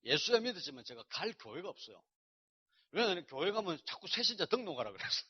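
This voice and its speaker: A male pastor telling a personal testimony in a sermon, swinging between loud outbursts and hushed asides. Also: sits high, sing-song, fast talker, husky. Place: church lecture hall. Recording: dull lo-fi recording.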